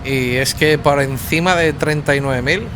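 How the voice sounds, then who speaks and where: A man with a Spanish accent, a native Spanish speaker, giving flight simulator commands and casual asides as the pilot. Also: moderate pace. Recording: loud engine rumble behind the voice.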